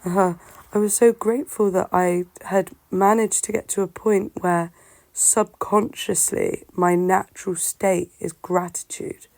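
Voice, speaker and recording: A woman talking casually and reflectively to her listeners, musing in a halting way, her voice affected by a sore throat. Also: medium pitch, steady tone, gravelly, a little mellow, dry recording. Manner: halting, musing, self-questioning. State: sore-throated, unwell-sounding voice. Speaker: solo host of a personal talk show.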